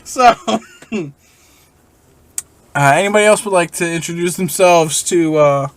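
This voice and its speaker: A man runs a tabletop game as game master, narrating what the players see and hear. He keeps breaking into laughter and tosses in quick, joking asides. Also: on the high side.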